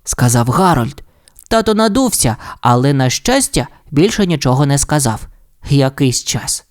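A man narrating a children's audiobook story in an expressive, playful way. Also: mid-range voice, normal speed. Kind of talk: audiobook fairy tale narration.

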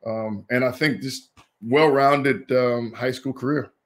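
Lively storytelling man from Indianapolis. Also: medium pitch, slow. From Indianapolis, USA. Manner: lively storyteller who acts out the people he quotes. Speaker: guest, former college football player. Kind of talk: casual interview storytelling.

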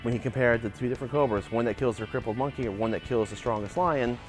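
A man in his forties hosts a martial arts channel, arguing his case in lively, animated commentary. He's recorded outdoors in a backyard on a clip-on lapel mic. His voice sits at a middle pitch, with faint music underneath. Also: fast talker. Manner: animated, gestures a lot while arguing a point. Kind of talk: opinionated video commentary. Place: outdoor backyard by a wooden fence.

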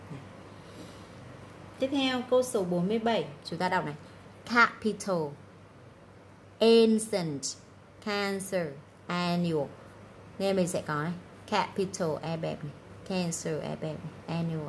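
A woman teacher with a fairly low voice walks through the answers of an English exam one by one, pausing often to check that her students follow. A faint room hum sits under her voice. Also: darkish tone. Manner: explanatory, frequent "đúng không?" check-ins.

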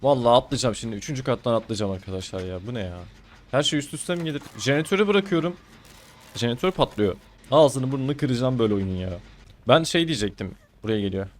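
A man's voice: medium pitch, lively intonation, fast, slight background noise. Chatty man commentating his gameplay. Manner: chatty, teasing and exasperated. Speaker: gaming streamer.

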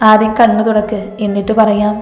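A woman voicing a gentle, consoling older mother figure in a storybook tale, in an echoey hall with faint music. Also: mid-range voice, completely flat delivery, a little fast, close to an everyday voice. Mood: soothing. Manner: soothing, consoling.

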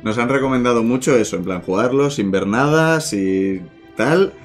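A man's voice: mid-range voice, lively intonation, moderate pace, soft background music. A man with an accent from Spain giving casual game commentary as a let's play streamer.

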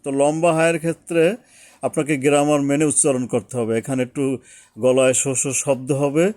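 A man teaching correct Quran recitation step by step, explaining slowly and patiently with pauses and repeating syllables to show each sound. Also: mid-range voice, a little mellow, no echo.

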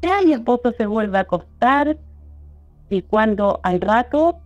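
A woman with a Chilean accent recounting a personal experience in a rambling, halting way, often repeating and restarting her words. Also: fairly high pitch, lively intonation, dry recording. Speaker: storyteller guest. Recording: muffled lo-fi audio with faint music.

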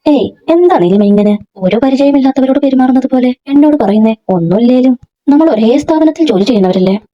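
A woman's voice: high-pitched, animated, a little fast, mellow. A woman reading the lines of an arrogant young man who sneers at and threatens a female coworker, in a dull lo-fi recording. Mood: mocking.

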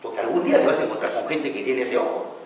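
A man's voice: medium pitch, fast. A man teaching building supervision and telling a work story, acting out a quarrel between an architect and an engineer. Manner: animated storyteller, acts out quarrels. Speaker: construction instructor. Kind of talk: lecture with anecdote. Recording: echoey hall from far off, faint noise.

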